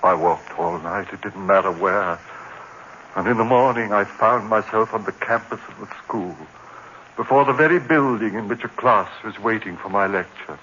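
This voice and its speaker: A man's voice: lowish voice, moderate pace, bright, forceful tone. Tormented, melodramatic man in old radio horror. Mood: hushed, haunted. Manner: melodramatic, repeating words obsessively. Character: tormented, guilt-ridden male lecturer haunted by murderous voices. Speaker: radio drama actor and narrator. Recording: dull, noisy old radio recording.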